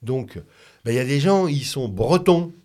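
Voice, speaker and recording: A man's voice: medium pitch, lively intonation, darkish tone. A man born in France, a radio guest who talks reflectively and often restarts his sentences. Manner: reflective, halting with many restarts. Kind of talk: conversational radio talk.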